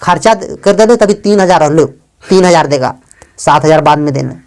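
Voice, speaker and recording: A male English teacher giving a classroom lesson, often questioning his students, spelling letters out slowly and joking with them in a fatherly way. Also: a little high, darkish tone, clear, resonant tone. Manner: calls students "beta" in a fatherly way.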